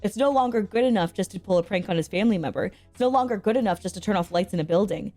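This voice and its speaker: A woman's voice: medium pitch, racing, faint music behind. A woman co-hosting a podcast, chatting casually and expressively about online drama. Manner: chatty and expressive, laughs easily. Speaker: podcast co-host. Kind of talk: casual chat.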